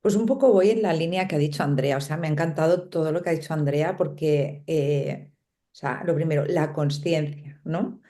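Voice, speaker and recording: Reflective middle-aged Spanish woman, mellow low voice. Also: moderate pace. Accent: Spain Spanish. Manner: reflective, lots of tag questions and small laughs. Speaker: panel guest. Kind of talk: casual panel conversation.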